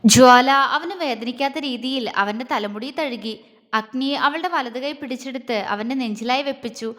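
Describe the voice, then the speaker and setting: A woman storyteller reads a romance audio series in a calm, gentle, even voice. Her pitch sits high, and a long reverb hangs around every line. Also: moderate pace.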